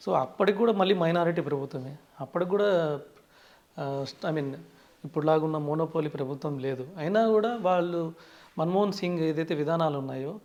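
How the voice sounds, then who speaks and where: The recording has a lo-fi sound: a man with a Telugu accent, a finance expert in an interview, explains using English terms and often leads with "so". His voice is fairly high-pitched, fairly quick and a little mellow.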